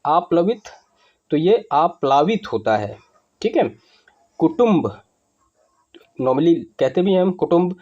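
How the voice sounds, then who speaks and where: Male teacher, exam-prep lesson; steady word-by-word corrections, slightly high, dull lo-fi sound. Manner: explanatory, repeats each word wrong then right. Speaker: Hindi grammar teacher.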